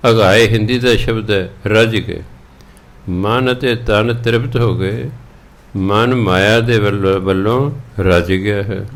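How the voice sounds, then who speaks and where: A man preaching a Sikh scripture sermon with a Punjabi accent, chanting verses slowly and then explaining them in plain talk. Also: on the low side.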